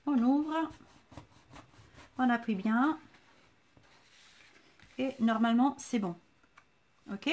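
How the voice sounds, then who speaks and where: A woman's voice: on the high side, extremely slow, pauses often, a little mellow. A woman with a southern French accent hosting a live craft tutorial, chatting and greeting viewers by name as she works. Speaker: scrapbooking tutorial host.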